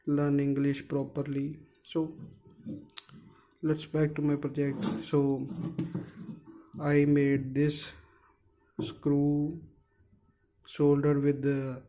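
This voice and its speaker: A man, a DIY maker whose first language is Punjabi, narrates a casual how-to. He speaks slowly and haltingly, in a slightly high, monotone and mellow voice. Hesitant, he searches for words and uses many fillers.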